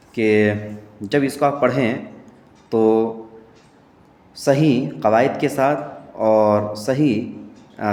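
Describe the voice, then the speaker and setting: Patient male Quran teacher, echoey room. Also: fairly low pitch. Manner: patient, reciting letters slowly and drawn out. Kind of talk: beginner Arabic letter lesson. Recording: echoey room with long reverb.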